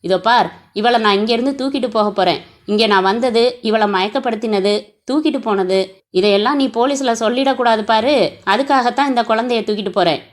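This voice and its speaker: A woman's voice: a little high, fairly quick, natural voice. A woman voicing a masked male kidnapper who gives curt, threatening orders. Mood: menacing.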